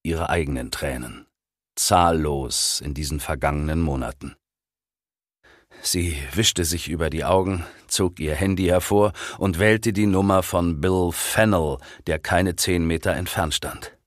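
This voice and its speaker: A man reading an audiobook in a measured, calm narrating style. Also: low-pitched, no echo, studio quality.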